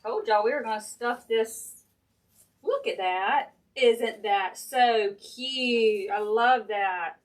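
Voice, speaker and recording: A woman's voice: fairly high pitch, takes it slowly. A woman with a Southern US accent chats casually and folksily to viewers, thinking aloud while she works on a craft at home. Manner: chatty, folksy, addressing viewers directly. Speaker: craft maker hosting a live stream. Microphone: sensitive live-stream camera mic.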